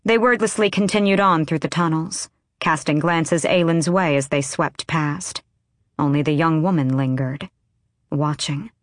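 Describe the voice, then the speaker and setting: A woman narrating a fantasy audiobook in a measured, even storytelling manner. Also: sits low, no room sound, studio quality. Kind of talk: scripted narration.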